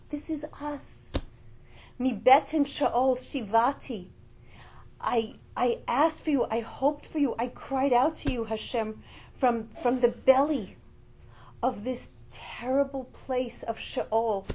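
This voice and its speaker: A middle-aged woman giving an inspirational Torah talk, passionate, rising to loud calls and falling to hushed, slow reflection. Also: fairly high pitch, breathy edge, low-quality recording. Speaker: religious speaker.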